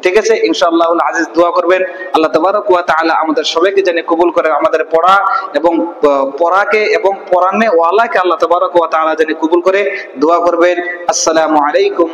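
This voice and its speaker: A man teaching Quran reading online, spelling syllables slowly and answering his own questions. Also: fairly high pitch, fairly even intonation, a bit bright, roomy sound, in a large hall, rough recording. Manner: stretches out recited words in a slow chant.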